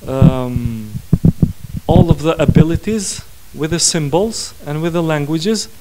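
A man with a slightly high voice, speaking English as a with as his first tongue, pausing and restarting often as he answers questions on a panel. The sound comes through a handheld mic in a small conference room, with steady noise underneath. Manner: halting, many restarts and fillers. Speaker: parliament president, panel guest.

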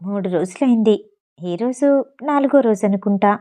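A woman voicing a calm, cunning young woman doctor in an audio novel, speaking in a cool, composed way. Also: mid-range voice, moderate pace, natural voice.

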